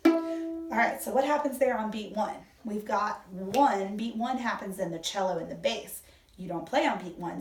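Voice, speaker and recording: A woman's voice: medium pitch, a little mellow. A woman orchestra teacher giving a violin lesson, explaining step by step and counting beats aloud. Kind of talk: instrument lesson. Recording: echoey room, mic at a distance, violin playing.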